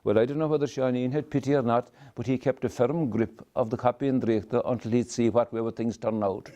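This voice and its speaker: Lilting Kerry Irish storyteller, a mellow man. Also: medium pitch, steady tone, muffled recording. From County Kerry, Ireland. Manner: lilting, wry, dramatic pauses. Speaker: traditional storyteller. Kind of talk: oral folk storytelling to a live audience.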